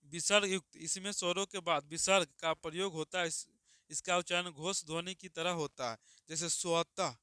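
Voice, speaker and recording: Male teacher, smooth and bright voice, drilling students by repeating questions. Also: high-pitched, fairly even intonation, moderate pace, no echo, clean studio sound. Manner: repeats questions and answers them himself, calls students "babu". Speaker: Hindi grammar teacher. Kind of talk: classroom lesson for students.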